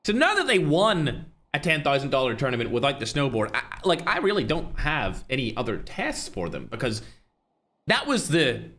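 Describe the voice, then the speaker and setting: A man's voice: a little high, huge pitch swings, moderate pace. A young man hosting a live mobile game tournament stream, talking casually, commenting on teams and thanking viewers in chat. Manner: casual, chatty, shouts out viewers.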